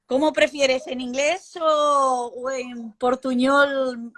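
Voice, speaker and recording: Woman, hosting a casual live video call interview, bit halting. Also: sits high, little pitch movement, a bit bright. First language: Spanish. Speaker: interview host.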